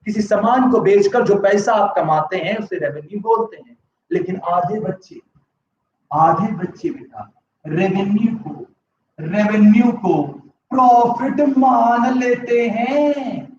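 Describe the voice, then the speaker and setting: This male voice is extremely high-pitched yet darkish in tone, heard over slight background noise. The man, whose throat is sore, teaches economics in a live online lecture, mixing English terms into his speech and asking yes-or-no questions. Sound is echoey, distant and slightly dull.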